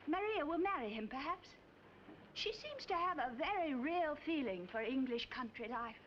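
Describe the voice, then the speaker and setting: An actress in a 1950s film playing a flighty, affected upper-class wife with a breathy, gushing manner. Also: female voice, sits high, expressive, moderate pace, a little hiss or hum. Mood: airy scheming. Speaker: film character. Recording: dull old film soundtrack with music.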